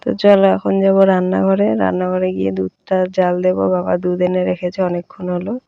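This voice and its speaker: A young woman vlogger chatting casually through a home voice-over, speaking softly and often checking in with her viewers. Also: on the low side, completely flat delivery, fast, vocal fry, narrow, tinny audio. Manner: speaks softly late at night. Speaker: daily-life vlogger.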